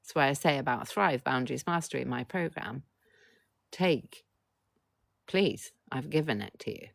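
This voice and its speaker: A woman's voice: very deep voice, lively intonation, normal speed, gravelly, no room sound. A middle-aged woman coach hosting a casual live stream, talking bluntly, swearing freely, and keeps urging viewers to reply in the chat.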